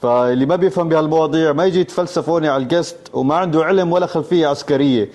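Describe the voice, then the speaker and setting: A man's voice: on the high side, very fast, a little mellow. A man, lecturing viewers in a scornful way.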